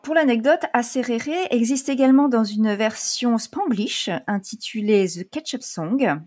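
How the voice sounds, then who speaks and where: A woman's voice: fairly high pitch, a little slow, a little mellow. A woman co-hosting a casual podcast chat, talkative and laughing often, with many fillers. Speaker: podcast co-host.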